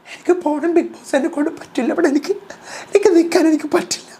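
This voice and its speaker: Woman doing a frantic young woman begging to leave, shrill, wobbly, near tears. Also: fast, warm tone, natural voice. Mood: tearful pleading. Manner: whiny, tearful pleading. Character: distraught young woman pleading to leave the house.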